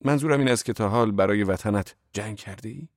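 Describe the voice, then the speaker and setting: A man's voice: fairly low pitch, dry recording, clean studio sound, voice pushed up, natural voice. A man voicing an earnest, educated young man in an audiobook reading, questioning in an indignant way.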